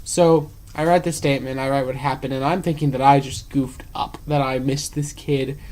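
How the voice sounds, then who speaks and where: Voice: medium pitch, steady tone, moderate pace, a little mellow, rough recording. A young adult vlogger telling work stories at home in a casual, chatty way, full of fillers, acting out what other people said. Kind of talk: casual storytelling vlog.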